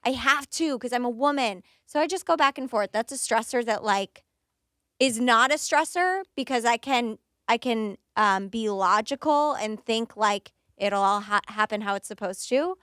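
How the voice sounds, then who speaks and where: A woman's voice: lively intonation, moderate pace, fairly bright tone, dry recording, clean studio sound. A woman in her thirties in casual podcast chat, talking freely and acting out little quotes along the way. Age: 30s. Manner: chatty, acts out quotes in a higher voice.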